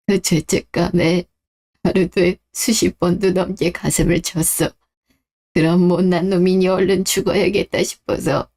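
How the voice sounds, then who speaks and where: A performer voicing a remorseful, dying old father in a radio drama, who speaks slowly and heavily as he apologizes. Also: high voice, creaky, a little mellow, exaggerated voice. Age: older.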